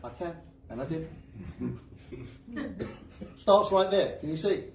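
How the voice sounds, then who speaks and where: A man with a fairly high voice and moderate pace delivers a lively motivational seminar, joking and firing questions at the audience. The recording is made from a distance in an echoey room.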